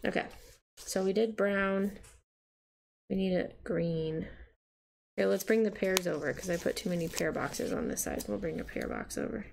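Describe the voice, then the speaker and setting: A woman's voice: medium pitch, moderate pace, vocal fry, long pauses, a little mellow, a little hiss or hum. A young adult woman chatting casually and rambling with many fillers while she decorates her planner. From United States. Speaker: planner vlogger. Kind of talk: casual plan-with-me chat.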